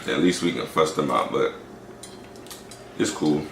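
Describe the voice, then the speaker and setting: A young man with a very low voice talks loose and slangy while eating on camera. He sits a little back from the mic, so he sounds distant in an echoey room with faint background hum. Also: normal speed, vocal fry, a bit bright. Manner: laid-back slangy talk. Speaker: vlog co-host. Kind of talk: casual mukbang chat.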